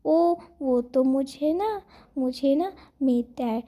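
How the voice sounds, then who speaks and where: A woman's voice: high-pitched, takes it slowly, dark tone. A woman voicing a cute, cheeky little boy who chatters sweetly and a bit mischievously in a fan fiction retelling.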